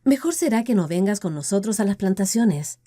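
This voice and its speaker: A woman's voice: mid-range voice, expressive, a little fast, mellow, no echo, studio quality, lightly acted. A woman narrator with a Latin American Spanish accent voicing a concerned husband fussing over his wife. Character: worried husband, caring and brisk.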